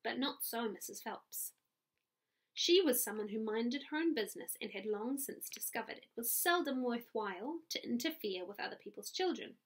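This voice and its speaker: A woman's voice: fairly high pitch, expressive, normal speed, breathy edge. A woman with a New Zealand accent reading a chapter book aloud to children as their teacher, friendly and stopping for little asides.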